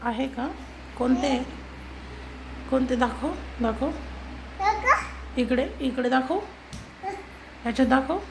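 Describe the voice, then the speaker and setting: Woman, high voice, slow and patient, gently coaxing parent at home, phone-recorded. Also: background noise. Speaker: parent filming a toddler. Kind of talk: coaxing a small child on camera. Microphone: phone camera.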